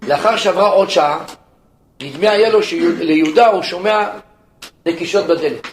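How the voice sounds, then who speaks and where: A man, a rabbi, preaching a sermon and telling a story with lively narration, speaking directly to his listeners. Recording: echoey room, faint rumble.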